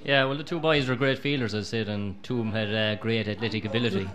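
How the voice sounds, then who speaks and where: In a lively indoor pub, a middle-aged Irish ex-goalkeeper chats comfortably in a fairly low, fairly bright voice with fairly even intonation. His talk is fast and relaxed, peppered with "you know."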